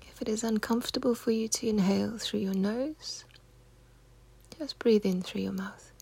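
With a medium-pitched voice and fairly even intonation, a woman almost whispers her way through a guided meditation. Her husky, soft instructions come gently and without hurry, meant to soothe.

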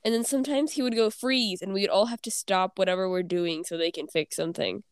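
A woman's voice: medium pitch, steady tone, a little fast, clear, resonant tone, dry recording, studio quality. A teenage girl with a congested cold voice, chatting and giggling as a podcast co-host. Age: teens. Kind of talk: casual chat.

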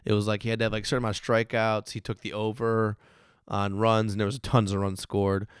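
A man in his thirties from Michigan, hoarse from losing his voice, chatting casually in a rambling, self-interrupting way with frequent laughs. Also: fairly low pitch, level tone, fast, dry recording, studio quality. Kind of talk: casual chat.

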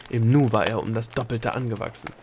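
A man narrating a storybook in a steady, measured way. His voice sits at an ordinary middle pitch, and the reading is even and unhurried. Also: background noise. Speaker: audiobook narrator.

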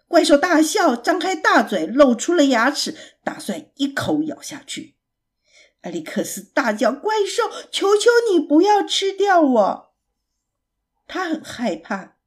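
Woman storyteller, children's story, gentle, slightly high voice, breathy, very unhurried. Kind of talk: reading a children's story aloud.

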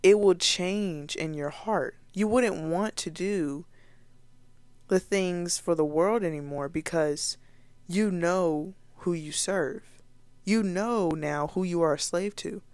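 A woman's voice: on the low side, slow, darkish tone, no room sound. A woman giving a casual Bible teaching to her viewers, earnest and conversational, with fillers and restarts along the way.

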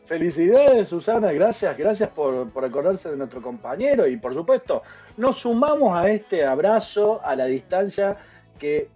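A man's voice: sits high, very animated, moderate pace, mellow, husky, dull audio, faint music behind. A man with an Argentine accent from Córdoba hosting a radio show in a chatty, reactive way. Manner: chatty, repeats words, reactive. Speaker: radio host.

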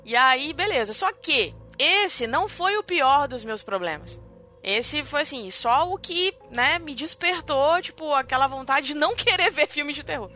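Bright, high-voiced Brazilian woman storytelling. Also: unhurried, soft background music. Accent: Brazilian Portuguese. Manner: animated, dramatic retelling with many fillers. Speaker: podcast co-host. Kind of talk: casual storytelling chat.

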